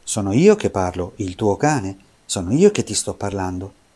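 A gentle storybook talking dog, calm and reassuring, with a low, mellow voice, as a male narrator voices him. He speaks with unhurried patience.

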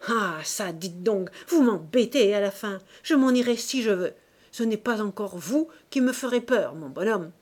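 A woman's voice: mid-range voice, lively intonation, normal speed, darkish tone, natural voice. A woman reading an audiobook voices a brash, quarrelsome male financier who argues defiantly and insults his rival. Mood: angry.

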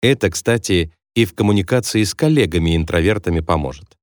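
A man's voice: low-pitched, lively intonation, brisk, no echo, studio quality. A man reading a business advice book aloud as scripted nonfiction narration, in an instructive, evenly paced manner. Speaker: audiobook narrator.

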